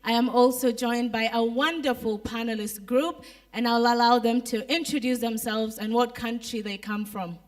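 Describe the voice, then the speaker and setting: A woman's voice: fairly high pitch, fairly even intonation, moderate pace. A young woman moderating a university panel discussion with a poised, rhetorical delivery. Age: young adult. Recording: voice picked up from a distance.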